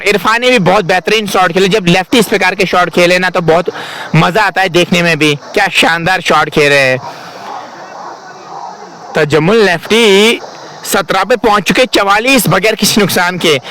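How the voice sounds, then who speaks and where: A man giving excited live cricket commentary, exclaiming over the play and mixing in English cricket terms. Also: high-pitched, moderate pace, a little hiss or hum, low-quality recording. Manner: excited, exclamatory on big shots; mixes English cricket terms into his talk.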